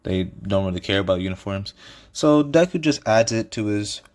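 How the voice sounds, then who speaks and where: A man's voice: fairly low pitch, lively intonation, moderate pace, a little mellow. A man casually improvising a fan story, rambling with many fillers and restarts and chuckling at his own ideas.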